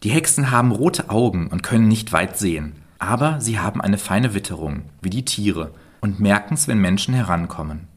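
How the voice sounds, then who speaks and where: A man reading a fairy tale aloud in a calm, measured storytelling manner. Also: lowish voice.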